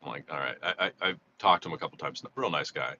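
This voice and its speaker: A fast-talking man with an extremely low, bright and forceful voice streams a live monthly recap as a slot vlogger. Getting over a cold, he chats casually, rambles and keeps restarting, all outdoors near a freeway. The recording is slightly dull, and faint freeway noise can be heard.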